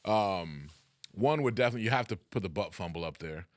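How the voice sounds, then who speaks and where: A man's voice: deep voice, animated, fast talker, dry recording, studio quality. A middle-aged American man co-hosting a sports podcast in casual, profane, slangy chat, giggly and loose like he has been drinking. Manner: giggly, loose drunken banter; slangy, says "bro" and "dude" a lot.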